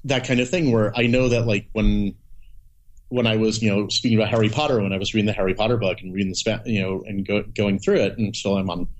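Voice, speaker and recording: A man's voice: on the low side, steady tone, fast talker. A man chatting casually as a podcast guest, rambling with many restarts and playful acted-out asides. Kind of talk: casual conversation.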